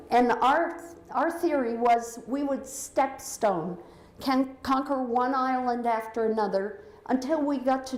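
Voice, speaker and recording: Woman speaking in a big echoing hall. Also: fairly high pitch. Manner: conversational, explains pictures one by one. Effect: big hall echo through a loudspeaker. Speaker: author giving a slide talk. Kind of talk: lecture presentation. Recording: echoey hall with faint noise.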